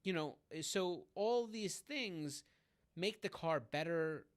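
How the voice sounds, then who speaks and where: A man's voice: a little high, expressive, takes it slowly. A man co-hosting a car podcast in casual chat, rambling with many fillers and restarts. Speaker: podcast co-host.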